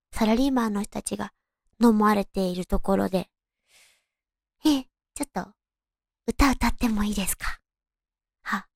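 A woman's voice: mid-range voice, creaky, dry recording, clean studio sound. A young woman with a cute, distinctive anime-like voice, hosting a casual solo talk and introducing herself in a polite, friendly way. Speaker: host of a solo audio show.

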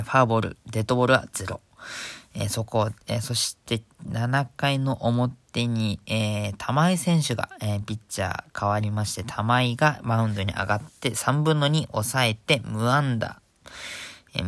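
Hushed man chatting on a solo talk show. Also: medium pitch. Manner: chatty, filler-heavy, giggles at own jokes; hushed, holding back volume for a late recording. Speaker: podcast host. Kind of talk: casual solo radio talk. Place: indoors at night, keeping quiet.

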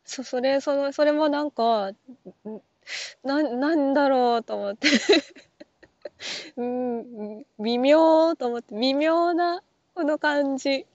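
A woman with a high voice muses alone in a loose, rambling monologue, trailing off into fillers and asking herself questions out loud. The sound is dry and close, a little dull, like a phone recording. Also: slow pace, no echo. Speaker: app talk show host. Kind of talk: casual solo monologue.

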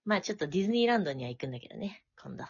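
A woman's voice: low voice, very animated, racing, vocal fry, crowd noise. A woman co-hosting a podcast in casual chat, gushing and chatty. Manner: chatty, gushing about her niece. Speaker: podcast co-host. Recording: dull lo-fi audio.

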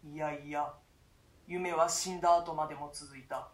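Haunted by a nightmare, the imprisoned duke (male and grave) tells of it in solemn, old-fashioned language, gasping with fear, voiced by an actor in a radio version of a classic stage play. The mid-range voice is steady and measured, much like ordinary speech, in a roomy acoustic.

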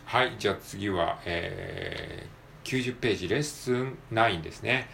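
A man practicing reading aloud, repeating single words over and over and calmly explaining the pronunciation points in between. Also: lowish voice, normal speed, gravelly, roomy sound, a little hiss or hum. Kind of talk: self-study pronunciation practice.

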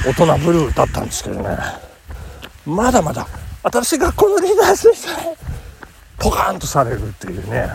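A man's voice: mid-range voice, vocal fry, a little hiss or hum. A man in his fifties hosting a casual solo talk show outdoors on a morning run. He speaks in a jokingly formal, chatty way. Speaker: podcast host.

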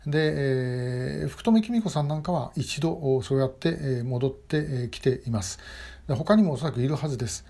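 Middle-aged man, mellow tone, unhurried commentary full of "um"s. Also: mid-range voice, creaky. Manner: measured, with frequent hesitation fillers. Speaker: host of a short message broadcast. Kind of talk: casual spoken commentary. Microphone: phone or webcam video selfie.

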